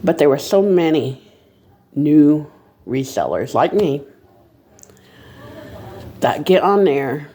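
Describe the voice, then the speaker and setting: A novice vlogger talking casually about reselling, in a nervous, halting, rambling way. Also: medium pitch, big pitch swings, dark tone, husky. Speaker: reseller making a first video. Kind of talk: casual vlog monologue.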